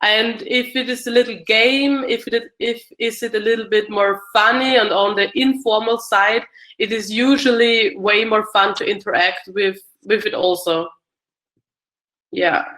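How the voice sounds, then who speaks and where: Slow, bright-voiced Austrian woman. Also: a little high, fairly even intonation. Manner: hesitant, many fillers and restarts. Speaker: speaker answering audience questions. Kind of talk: casual Q&A talk. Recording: echoey room.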